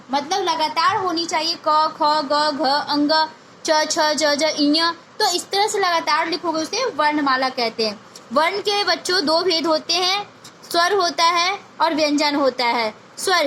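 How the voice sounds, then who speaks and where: A woman's voice: sits high, a bit bright, a little hiss or hum. A woman teaching a grammar lesson to young children, repeating each point and asking questions she answers herself, mixing in English words.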